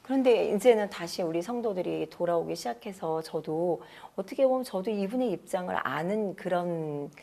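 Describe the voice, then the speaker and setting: Middle-aged woman pastor, co-host; dark, gravelly low voice, affirming. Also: expressive, moderate pace, hardly any pauses. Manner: warm affirming, frequent "ne" backchannels.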